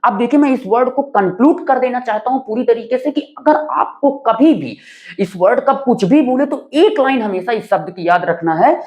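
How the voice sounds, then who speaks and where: A man's voice: very high voice, animated, moderate pace, darkish tone. A man teaching a vocabulary lesson, explaining word roots step by step, often checking in with a rising "right?" and mixing in English terms. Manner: addresses viewers fondly as children.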